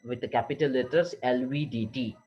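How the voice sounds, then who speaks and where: Man slowly dictating engineering notes. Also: mid-range voice, fairly even intonation, slightly rough, highs cut off. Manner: slow, repetitive dictation, switching between English and Marathi. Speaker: engineering lecturer.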